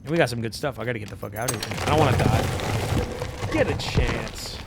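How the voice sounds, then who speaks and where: A man doing casual live game commentary for his chat, profane and excitable in his talk. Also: mid-range voice, fairly quick, heavy background noise. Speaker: game streamer. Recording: game music behind voice.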